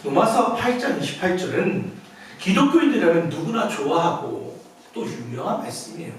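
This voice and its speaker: Man preaching in church, high voice jumping all over, acts out quotes, super echoey, kinda far from the mic. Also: normal speed, a little hiss or hum. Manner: animated preaching, acting out quoted dialogue. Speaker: pastor. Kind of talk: sermon. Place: church sanctuary.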